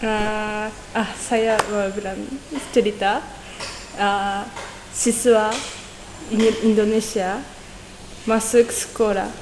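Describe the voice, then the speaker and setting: A teenage exchange student from Japan with a Japanese accent, a young woman speaking Indonesian as a foreigner in halting, simple phrases as she answers interview questions. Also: mid-range voice, level tone. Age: teens. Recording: echoey reverberant room with background noise.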